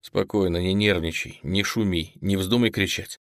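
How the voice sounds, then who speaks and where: Blunt young man, gruff and clipped, hushed delivery, performed by a man; dry, close audiobook booth. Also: low-pitched, fairly even intonation, moderate pace, no room sound, lightly acted. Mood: tense.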